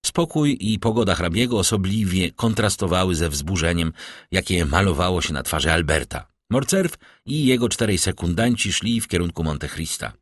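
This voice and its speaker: Man, audiobook narrator, deep voice, lively pitch, dry close sound, raises his voice for characters. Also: normal speed, no room sound. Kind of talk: scripted narration of a classic novel.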